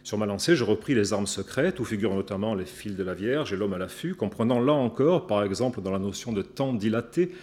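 A man, a writer, reading a prepared literary talk aloud at an event, measured and reflective with a light ironic touch. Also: on the low side, expressive, a little mellow.

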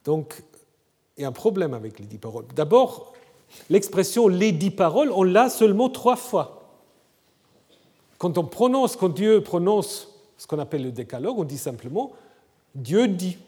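A man giving an academic lecture in a conversational way, often checking in with his listeners with a quick "hein?". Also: high voice, big pitch swings, darkish tone, breathy edge. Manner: conversational, frequent "hein?" tag questions. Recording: reverberant lecture hall.

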